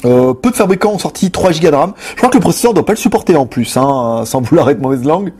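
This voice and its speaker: A young adult man answers viewer questions in a loose, rambling, joking way. His voice is husky and slightly high, and his pitch swings around a lot. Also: animated, fast talker, darkish tone. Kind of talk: casual chat.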